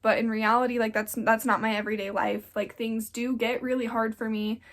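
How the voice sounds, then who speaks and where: A young woman of about twenty, slightly congested from getting sick, talks earnestly in a casual sit-down vlog as a YouTuber, rambling and dropping "like" constantly. Her voice is on the high side with little pitch movement, and she speaks a little fast.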